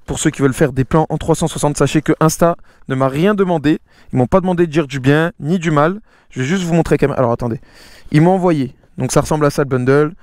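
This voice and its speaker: A man's voice: a little high, darkish tone, no room sound, clean studio sound. A man presents gear in an offhand vlog style. He is slangy and sweary, and hesitates as he explains things. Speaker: vlogger presenting a camera. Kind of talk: casual hands-on product presentation.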